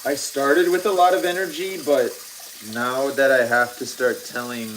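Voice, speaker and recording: With a fairly bright mid-range voice and fairly even intonation, this livestream host talks at a moderate pace while cooking live in his home kitchen. The middle-aged man rambles, is self-deprecating, and fills gaps with plenty of ums. A little hiss or hum is audible.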